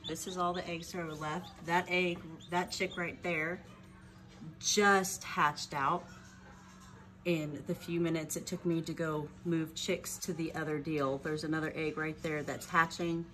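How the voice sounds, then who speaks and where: A woman's voice: deep voice, level tone, measured pace, a bit bright. A woman vlogging casually about her chicks, chatty and plainspoken, with many ums and restarts, talking behind a phone camera at home. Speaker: small farm vlogger. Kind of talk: casual off-camera narration while filming.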